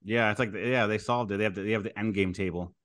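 Man, low voice, dry close mic, loose swearing banter. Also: fairly even intonation, fast, fairly bright tone, dry recording. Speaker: podcast co-host. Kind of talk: casual podcast chat.

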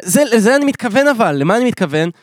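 A podcast co-host with a high-pitched voice chats casually and tells stories, animatedly acting out the dialogue. The recording is dry and studio quality.

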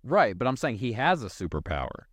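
A man's voice: medium pitch, wildly swooping pitch, fairly quick, no echo. A man co-hosting a podcast, joking, swearing freely and pressing his point in casual chat. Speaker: podcast co-host.

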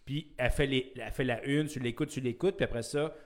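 Hesitant Québécois man, mid-pitched. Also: fairly quick. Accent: Québécois French. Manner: hesitant, repeats words, many euh. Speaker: podcast co-host. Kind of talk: casual chat.

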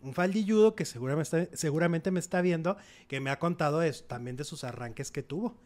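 A man with a Mexican accent co-hosting an entertainment show, chatting about celebrity gossip in an animated, dramatic way. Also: a little high, brisk. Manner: animated, dramatic, acts out quotes with exclamations. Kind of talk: casual gossip chat.

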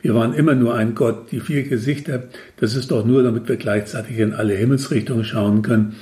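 A man's voice: medium pitch, steady tone, fairly quick, warm tone, lightly acted. A man voicing an ancient four-faced male god who grumbles and lectures. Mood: grumbling. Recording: roomy echo.

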